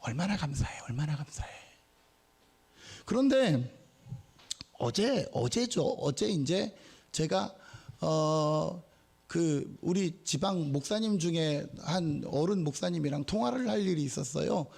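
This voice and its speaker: Hoarse pastor with a high, gravelly voice. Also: male voice, takes it slowly. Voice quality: rough, creaky voice. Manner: chatty, animated storytelling with asides to the congregation. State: hoarse, voice nearly gone. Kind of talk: sermon with storytelling. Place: church sanctuary.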